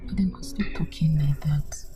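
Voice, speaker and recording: An actress playing a consoling young friend, soothing and low-key. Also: female voice, moderate pace, mellow, in a whisper, soft background music, close to an everyday voice. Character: consoling young female friend, gently teasing. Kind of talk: film acting.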